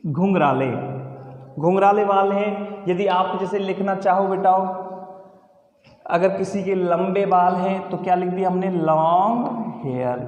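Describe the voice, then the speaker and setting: A man's voice: sits high, darkish tone. A man teaching an English lesson, calling students "beta" and repeating the answers to his own questions. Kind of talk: classroom lesson. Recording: echoey room with long reverb.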